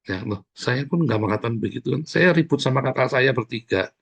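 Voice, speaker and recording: A man delivers a sermon in a casual, scolding way, often turning to address his listeners directly. His voice is gravelly with a husky edge, and he often breaks into livelier tones when acting out what people might say. The pitch sits in an ordinary middle range. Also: expressive, fairly quick. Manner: conversational, scolding preaching with repeated "saudara" asides; acts out quoted speech in livelier voices. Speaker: pastor.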